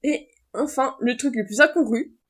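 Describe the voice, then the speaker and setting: A woman vlogger in casual chat, running through entertainment announcements with excitable fan chatter that trails off and restarts. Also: high-pitched, normal speed. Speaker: vlogger sharing entertainment news.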